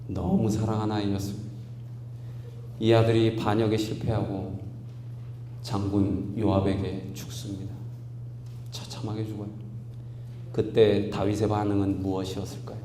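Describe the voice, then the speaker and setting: A man's voice: on the low side, dark tone. A man in his forties, a pastor, preaching a sermon in a storytelling manner that builds to emphatic, raised passages. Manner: storytelling with rising emphatic outbursts. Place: large church hall. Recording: echoey hall, faint hum.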